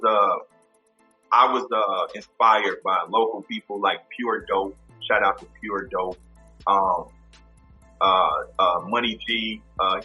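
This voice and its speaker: A man in his fifties from Kansas City, Missouri, speaking as a guest in a casual interview in a relaxed, reflective way, often repeating words as he thinks. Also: on the low side, muffled recording. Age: 50s. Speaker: podcast host as guest.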